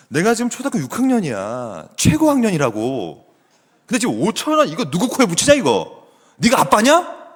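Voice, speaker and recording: A man's voice: high voice, fairly bright tone, exaggerated voice. A man voicing his young daughter as a whiny, sing-song girl begging her dad for treats. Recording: long church hall reverb.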